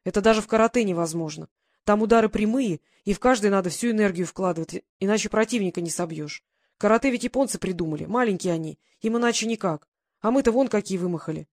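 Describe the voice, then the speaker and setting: An audiobook reader voicing a protective young man who is gruff and worried, in a dry, close recording. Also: medium pitch, fast talker, no echo, lightly acted.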